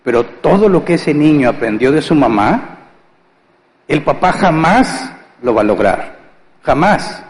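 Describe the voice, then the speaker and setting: A male pastor delivers a conversational sermon in church, asking rhetorical questions and answering them, and acting out household scenes with humor. His voice is a little high and animated at a measured pace. The big-room recording is rough.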